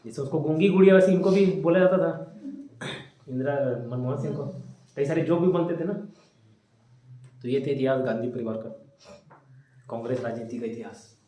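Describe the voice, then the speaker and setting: A young man lectures a class in a relaxed, storytelling way, trading jokes with the students. His voice sits a bit high for a man, and the room around him is echoey and hollow. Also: a little fast, long pauses. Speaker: teacher.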